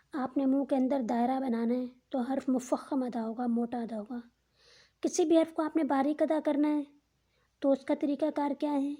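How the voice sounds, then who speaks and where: Woman, recitation teacher, patient step-by-step lesson, drawn-out letter sounds, high pitch. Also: mellow. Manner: slow and deliberate, drawing out letter sounds as examples; patient, explains each rule twice in simpler words.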